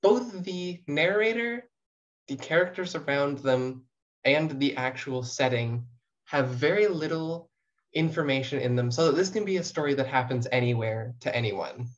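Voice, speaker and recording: Appearing as a podcast guest, a young Canadian student writer from a small New Brunswick town banters in a relaxed interview, teasing herself playfully. She speaks with an extremely low pitch, animated and at normal speed, over muffled lo-fi audio.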